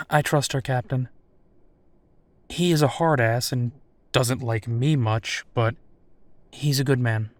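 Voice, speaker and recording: In an intimate audio roleplay, a man plays a protective werewolf detective, speaking at a middle pitch with a caring, worried steadiness and pausing as he offers reassurance. The performance is lightly acted and reassuring in mood, and the recording is dry and close with no room sound.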